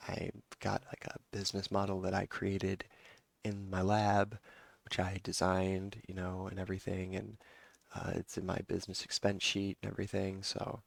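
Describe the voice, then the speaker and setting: A man's voice: deep voice, completely flat delivery, moderate pace, gravelly, no echo. A man giving a casual rambling update to his viewers, with many fillers and restarts. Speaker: vlogger and yoga teacher.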